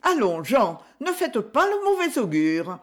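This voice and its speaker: A reader voicing a cheerful young woman in a classic French novel audiobook, light and lively. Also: medium pitch, a little slow, pitched above the performer's own voice.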